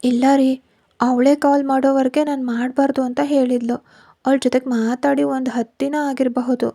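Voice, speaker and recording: A woman's voice: high voice, little pitch movement, normal speed, warm tone, no echo, clean studio sound. A woman voicing a frail, tearful young wife who speaks in an earnest, pleading way, in a spoken story. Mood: plain.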